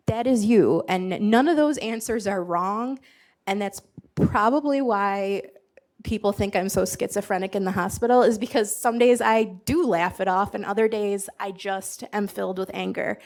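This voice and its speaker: A woman's voice: medium pitch, darkish tone. Candid, joking woman giving a talk. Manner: candid, sarcastic, laughs often. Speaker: surgeon and symposium speaker. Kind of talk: conference talk with slides.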